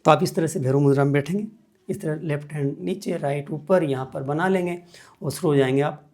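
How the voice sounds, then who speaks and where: Guy walking you through a meditation, kinda high-pitched, repeats stuff patiently. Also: a little fast, a little mellow. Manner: patient, repetitive step-by-step instruction. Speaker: meditation teacher guest. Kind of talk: explaining and guiding meditation.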